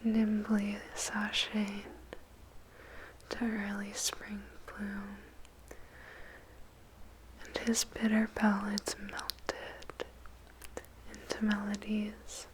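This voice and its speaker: A woman whispers a poem in ASMR style, phrasing it deliberately with dramatic pauses. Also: medium pitch, monotone, background noise. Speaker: ASMR performer reciting a poem. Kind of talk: whispered ASMR poetry recitation.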